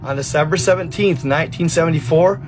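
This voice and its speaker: A man's voice: a little high, fast talker. A man narrating eerie legends and strange encounters in a dramatic, suspenseful storytelling manner. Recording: faint music behind.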